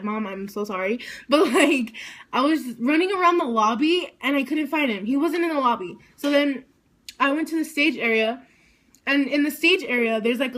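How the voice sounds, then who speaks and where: A woman telling a story to her vlog audience, excitable and rambling, saying "like" constantly. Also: a little high. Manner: excited, rambling, heavy use of "like". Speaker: vlogger.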